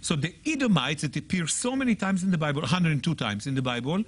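Husky-voiced man, lively pitch, emphatic guest teacher who sounds words out. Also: fast. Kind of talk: animated teaching in a TV talk show.

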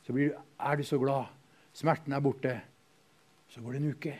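A man from Norway, preaching a revival sermon and calling out hallelujah as he swings from loud to hushed. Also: medium pitch, steady tone.

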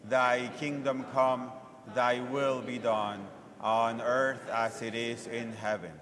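A man speaking as a priest, reciting solemn liturgical prayers in a measured, reverent way with a long cathedral-like echo. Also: medium pitch, level tone, crowd noise. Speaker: priest celebrating Mass. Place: large reverberant church during Mass. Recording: long echo of a large church.

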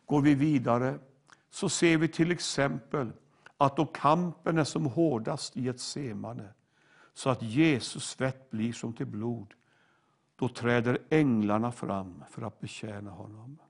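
An older man preaching a sermon, slow and emphatic, each phrase falling away at the end. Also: mid-range voice, creaky, husky.

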